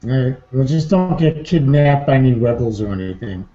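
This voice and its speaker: An expressive, dark-toned man with a mid-range voice and moderate pace co-hosts a casual online talk show, chatting informally and in a subdued way with one other person. He joins from an indoor room on an online video hangout, and the internet call sounds muffled, echoey, and faintly noisy.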